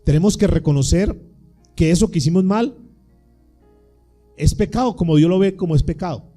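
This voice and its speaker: A man's voice: high-pitched, moderate pace, warm tone, soft background music. A man preaching a sermon as pastor, earnest and acting out little scenes for the congregation.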